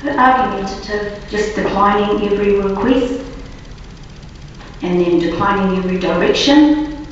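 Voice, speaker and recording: A woman police officer giving formal, deliberate and halting testimony as a witness under cross-examination. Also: mid-range voice. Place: large reverberant courtroom, far from microphone. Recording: very echoey distant courtroom recording, muffled, faint noise.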